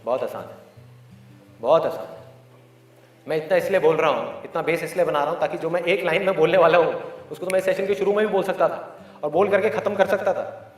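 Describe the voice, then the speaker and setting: A man with an Indian accent giving an emphatic, rhetorical motivational talk to students, swinging between loud and hushed. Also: on the high side, brisk, very echoey, far from the mic, soft background music. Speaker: motivational speaker.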